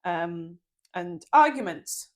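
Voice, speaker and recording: A young woman from Bulgaria with a Bulgarian accent, co-hosting a podcast in casual chat, blunt with dark humor and casual swearing. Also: fairly low pitch, lively intonation, slow. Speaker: podcast co-host.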